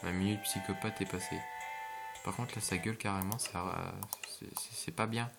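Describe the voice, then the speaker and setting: A man's voice: low voice, steady tone, moderate pace, creaky, music in the background. A man giving casual, rambling gameplay commentary with hesitations and jokey asides, recorded on a home computer mic. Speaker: gameplay video maker.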